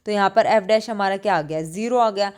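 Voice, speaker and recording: Her voice is medium-pitched, darkish and smooth, and she talks fairly quickly as a maths teacher preparing students for exams. Speaking Hindi laced with English math terms, she asks and answers her own questions and repeats the essentials.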